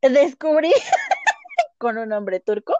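A woman's voice: high-pitched, wildly swooping pitch, very slow, no echo, lo-fi sound. A young Mexican-accented woman in her twenties, a giggly podcast co-host chatting breezily. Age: 20s. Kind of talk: casual chat.

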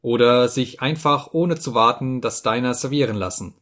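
A man's voice: medium pitch, normal speed, fairly bright tone, close to an everyday voice. A man doing a mocking dinner guest. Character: mocking male dinner guest, teasing and jovial.

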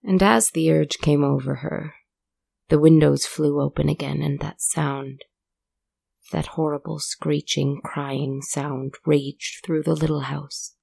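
A woman narrating a story in a measured, deliberate way. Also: sits low, fairly even intonation, creaky, dark tone, no echo.

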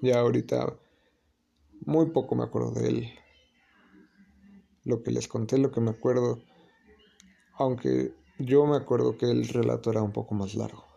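A man hosting a podcast, casually telling a paranormal story in a relaxed, hesitant way. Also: medium pitch, moderate pace, creaky, long pauses, lo-fi sound. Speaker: podcast host.

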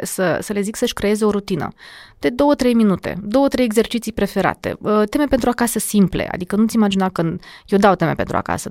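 Animated woman, diction coach. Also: medium pitch, dry recording, clean studio sound. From Moldova. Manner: animated, acts out examples. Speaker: diction and public speaking coach. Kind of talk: podcast interview guest.

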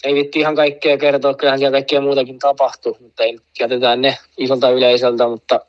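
A man's voice: mid-range voice, completely flat delivery, highs cut off. A man casually telling a long, rambling anecdote, full of fillers and asides. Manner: rambling, full of fillers, laughs at own story. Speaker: guest telling a story.

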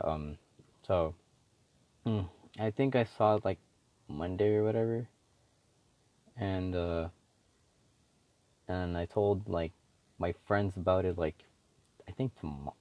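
This solo podcaster is a teenage boy whose deep, dark-toned voice carries no echo. Hosting his own show, he rambles casually, swears a lot, and stumbles through fillers and restarts.

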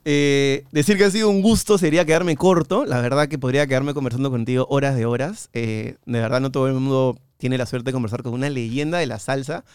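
A man from Peru hosting an interview, showing his guest a card trick with slow, theatrical instructions. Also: medium pitch, fairly even intonation, smooth, dry recording, studio quality. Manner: warm, theatrical when leading a card trick. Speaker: interview host and amateur magician. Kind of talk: casual interview conversation.

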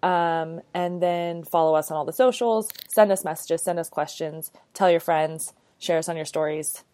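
Her voice is low and dark, delivered at a normal speed. She's a thirty-something woman co-hosting a podcast, chatting in a bubbly manner and leaning heavily on casual fillers such as "like" and "you know."

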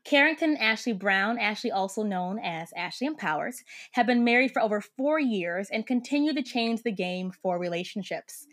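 A woman co-hosting a faith podcast, enthusiastic and quick to laugh as she interviews guests. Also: mid-range voice, lively intonation, fairly bright tone. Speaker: podcast co-host.

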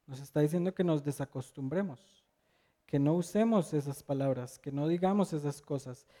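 A man's voice: high voice, dark tone. Middle-aged man preaching a story-driven sermon. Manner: storytelling, conversational, rhetorical questions. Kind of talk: sermon with personal anecdote.

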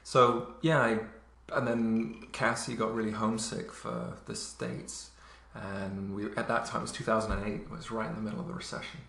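A man in his thirties, raised in England and Luxembourg, telling stories in a relaxed way with many fillers. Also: lowish voice, moderate pace, vocal fry, few pauses. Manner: relaxed storytelling, many fillers, occasional laughs. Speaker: interview guest. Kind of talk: casual conversation. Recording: echoey room.

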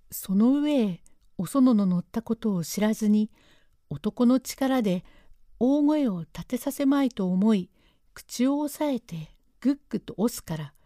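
A woman storyteller narrating a traditional tale in a measured, dramatic manner. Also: a little high, warm tone, no room sound, studio quality.

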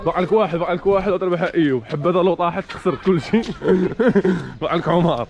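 A young man with a Moroccan accent hosting a challenge game, urging the players on with rapid repeated calls and frequent laughter. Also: high voice, dull audio, a crowd in the background. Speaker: host running a challenge game. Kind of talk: energetic game commentary.

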